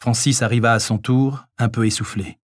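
A man reading an audiobook chapter in an even, measured narration. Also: mid-range voice, no echo, clean studio sound. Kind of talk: scripted narration.

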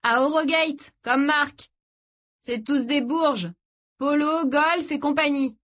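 A woman's voice: high voice, slow pace, fairly bright tone, pitched above the performer's own voice. A woman voicing an awkward, defensive teenage boy in an audiobook. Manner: defensive, hesitant.

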